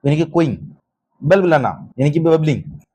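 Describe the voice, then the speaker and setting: In a husky, darkish, somewhat higher voice, a Rajasthani man teaches an exam-prep class with animation. He repeats himself patiently, fires off quick questions to check understanding, and addresses students as "beta."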